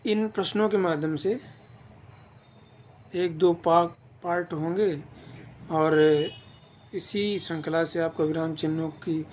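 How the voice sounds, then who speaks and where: A man's voice: a little high, a little mellow, slight background noise. A man teaching an exam-prep grammar lesson, explaining patiently and checking in with his listeners as he goes.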